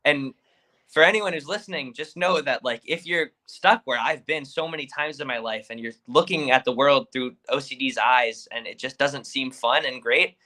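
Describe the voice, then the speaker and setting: A man's voice: mid-range voice, normal speed, sharp tone. A young adult man sharing personal experience as an interview guest, informal and earnest. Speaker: guest advocate, college student.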